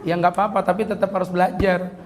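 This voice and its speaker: A man's voice: high voice, level tone. A male preacher giving a humorous sermon at a police event, joking and mimicking regional accents. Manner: jokey, mimics regional accents, chants Quran slowly.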